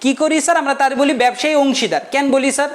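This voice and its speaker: A man's voice: very high voice, fairly even intonation, very fast. A male economics teacher, giving a casual, joking lecture and often checking that the class follows. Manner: joking, keeps checking the class understands, asks rhetorical questions.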